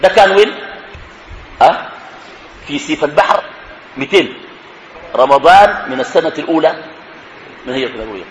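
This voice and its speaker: A man's voice: on the high side, expressive, a little fast, pauses often, slight background noise. A man teaching religious history, asking his listeners questions and then answering them himself. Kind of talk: lecture on prophetic history. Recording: echoey room.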